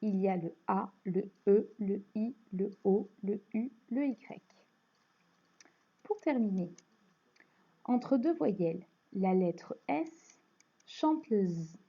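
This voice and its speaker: A woman with a French accent teaching a phonics lesson to young children, explaining slowly and patiently. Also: medium pitch, creaky, mellow, breathy edge. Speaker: primary school teacher. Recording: dull lo-fi recording.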